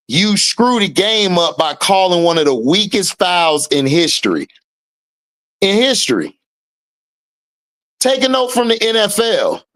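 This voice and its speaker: He's in his thirties and hosts a casual online stream about sports and commentary, answering chat with strong opinions. His voice is high. He's blunt and fiery, cursing freely and getting loud whenever he's provoked.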